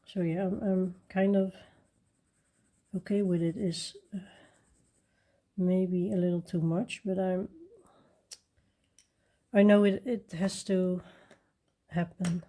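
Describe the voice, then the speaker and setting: A woman chatting casually while she colors, soft-spoken and rambling with fillers and restarts. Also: fairly low pitch, fairly even intonation, slow, pauses often. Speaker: coloring channel host.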